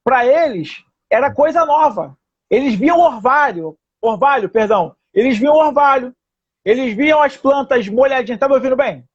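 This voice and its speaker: Very high, husky man. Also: expressive, normal speed, no room sound. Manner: hesitant, restarts and self-corrects. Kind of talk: casual religious discussion. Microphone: remote call. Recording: dull, dry call audio.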